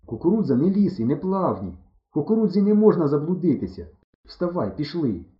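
A man reading an audiobook voices a frightened, exasperated young boy who yells in a high, strained voice, on a roomy, dull recording. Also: sing-song, fairly quick. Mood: alarmed.

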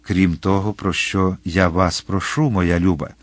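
A man's voice: low-pitched, steady tone, unhurried, no echo. A man reading an audiobook and voicing an impassioned, hot-headed young swordsman who exclaims his lines. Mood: ardent.

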